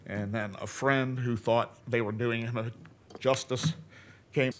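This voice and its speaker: Public speaker, male. Informal plea, medium-pitched and even, slight noise on the recording. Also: unhurried. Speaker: public speaker petitioning the board. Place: public hearing room.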